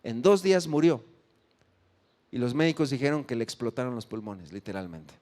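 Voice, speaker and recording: A man's voice: lively intonation, moderate pace. A man preaching a sermon as pastor, acting out the pleas of the faithful with sudden rises in voice. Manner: emphatic, acts out pleas with sharp rises in pitch and volume.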